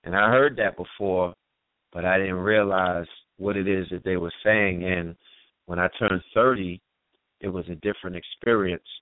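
A man in his forties hosting a radio talk show, speaking in a relaxed, laid-back way with drawn-out phrasing. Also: deep voice, clean tone, no echo. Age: 40s. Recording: dry phone-line call audio.

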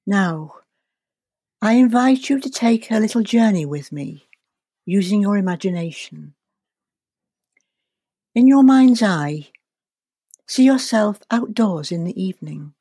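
A woman guides a relaxation and visualization at a very unhurried pace. She is calm and soothing, placing each phrase deliberately and leaving space after it. The sound is close and dry. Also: medium pitch, husky, no echo. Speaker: guest leading a guided meditation.

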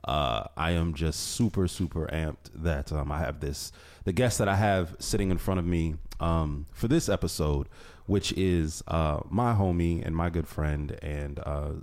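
Deep-voiced excitable male host. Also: measured pace. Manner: excited, rambling with many fillers. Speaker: podcast host. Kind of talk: casual interview.

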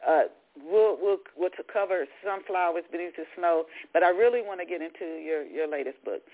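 A woman hosting a radio interview, talking in a halting way and often repeating her words. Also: lowish voice. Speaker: radio show host. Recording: tinny phone-like radio sound.

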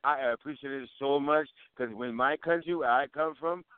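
A man's voice: medium pitch, normal speed, clean tone, dry recording. A man calling in to a radio show as a prank, putting on a broad foreign voice and repeating exclamations, heard over a phone line. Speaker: caller.

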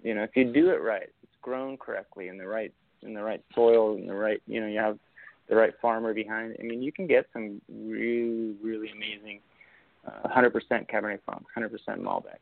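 Man, young, from Argentina, gravelly, rambling casual talk, dry phone-like audio. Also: lowish voice, a little fast, dry recording. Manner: relaxed, rambling with many fillers and restarts. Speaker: winemaker guest. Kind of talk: casual interview chat. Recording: tinny phone-like line, dry.

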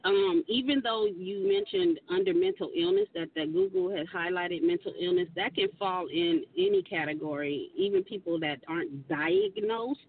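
A woman's voice: on the low side, animated, moderate pace, hardly any pauses, recorded from a distance, phone-quality sound, a little hiss or hum. A woman co-hosting a radio talk show, speaking earnestly and at length, often restarting her sentences.

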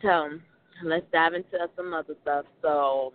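A man co-hosting a casual podcast chat, animated and full of "like" fillers. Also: a little high. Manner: animated, talks fast with many "like" fillers. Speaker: podcast co-host. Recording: dry phone-like sound.

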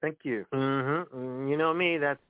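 A man's voice: medium pitch, fairly even intonation, a little slow, clean tone, no echo. A man calling in to a radio show over the phone, chatting casually and laughing easily, then reading his poems aloud. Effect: heard over a phone line on a radio show. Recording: tinny phone line, dry.

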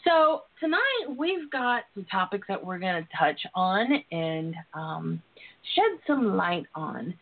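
A woman's voice: mid-range voice, very animated, takes it slowly, slight background noise. A woman hosting a talk show in a sassy, bawdy, playful way, flirtatious and free with endearments. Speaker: radio talk show host, relationship and intimacy coach. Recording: tinny phone-line internet radio sound.

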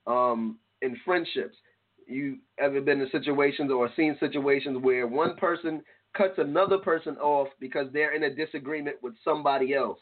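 A man co-hosting a casual talk show, animated and profane, often laughing and breaking into shouts. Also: medium pitch, normal speed. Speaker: podcast co-host. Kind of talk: casual chat show banter. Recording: tinny phone-like line.

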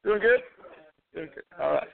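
A man hosting a casual live call-in show while roving outdoors at an event, talking with many fillers and restarts, coughing and clearing his throat now and then. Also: normal speed, slight background noise. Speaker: host. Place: outdoors at a railway depot event. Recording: tinny phone line, dry.

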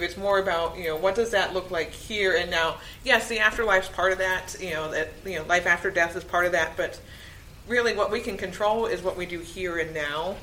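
A woman in a casual faith discussion, talking haltingly with many conversational filler phrases. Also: fairly low pitch, pushed and bright. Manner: halting, frequent "you know". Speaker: podcast panelist. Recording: roomy, noisy live space.

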